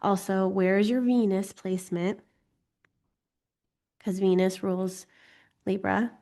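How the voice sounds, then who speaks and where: Teaching her informal online astrology class, a woman talks slowly in a steady, mellow mid-range voice. She sounds slightly congested from getting over a cold and keeps things playful, giggly and self-deprecating.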